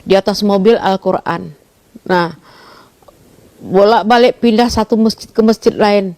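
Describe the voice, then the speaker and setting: Mom telling her story, goes quiet then suddenly loud, super expressive, dry close sound. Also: medium pitch, measured pace, no echo. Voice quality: animated, swings between soft murmurs and sudden loud exclamations. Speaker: interviewed mother. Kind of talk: emotional personal storytelling.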